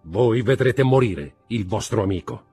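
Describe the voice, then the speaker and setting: A man's voice: fairly low pitch, wildly swooping pitch, moderate pace, breathy edge, faint music behind, heavily acted. Man reading as a furious young man. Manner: shouting, reproachful outbursts.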